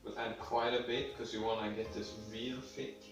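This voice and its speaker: Medium in pitch and flat in delivery, a young Swedish man speaks at a moderate pace during a casual cooking video in his home kitchen, sniffly from a cold, offhand, rambling and casually profane. Faint music plays, and the distant mic picks up room echo.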